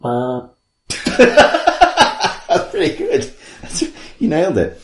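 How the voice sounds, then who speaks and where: A man co-hosting a podcast, reading out a list with jokes, swearing and frequent laughter, a little hoarse. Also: medium pitch, wildly swooping pitch, takes it slowly, a little mellow. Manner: jokey, swearing, laughing often. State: losing his voice. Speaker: podcast co-host. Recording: roomy echo.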